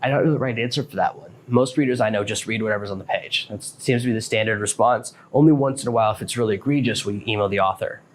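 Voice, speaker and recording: A man with a lowish voice talks fast and with few pauses, hosting a podcast where he lays out practical advice step by step. He's a self-employed author with a casual, matter-of-fact style, and there's a little hiss or hum on the recording.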